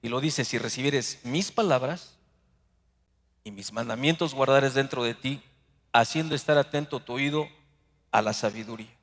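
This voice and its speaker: Mexican pastor, mid-pitched male voice, deliberate emphatic sermon delivery, long church reverb. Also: fairly bright tone. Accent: Mexican Spanish. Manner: preaching with slow emphatic scripture readings. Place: church sanctuary.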